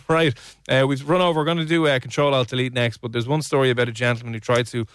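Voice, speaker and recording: An Irish man hosts a radio show in a relaxed, teasing way. His voice sits at a mid pitch, and the sound is dry and close to a studio mic. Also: quick pace, smooth, no room sound. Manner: playful, teasing, animated. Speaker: radio host. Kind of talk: casual radio chat. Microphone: studio microphone.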